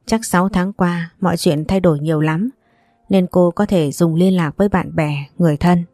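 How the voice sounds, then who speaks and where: A woman's voice: fairly low pitch, moderate pace, dark tone, no echo, studio quality, lightly acted. A woman voicing an apologetic, caring young man who talks earnestly and reassuringly.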